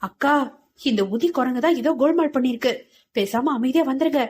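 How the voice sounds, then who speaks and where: Woman doing cheeky teenage kid sister, urgent, high voice. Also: lively intonation, normal speed, a little mellow, husky.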